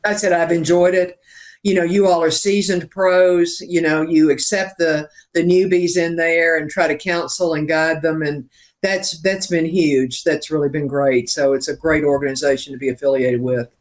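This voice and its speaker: A man's voice: on the high side, steady tone, moderate pace. An older songwriter from Richmond, Virginia, telling his story as a guest in an interview, acting out quoted dialogue and laughing at his own jokes. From Richmond, Virginia, USA.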